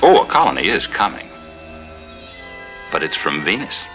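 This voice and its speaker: A man's voice: sits low, very animated, moderate pace, a bit bright, soft background music. A man playing a composed, knowing character in a vintage television thriller. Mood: dry, knowing.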